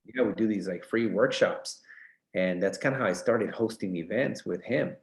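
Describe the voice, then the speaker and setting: A man's voice: fairly low pitch, normal speed. A man in his thirties, a real estate coach as a podcast guest, talking earnestly with many fillers. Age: 30s. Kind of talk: casual interview chat. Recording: roomy echo.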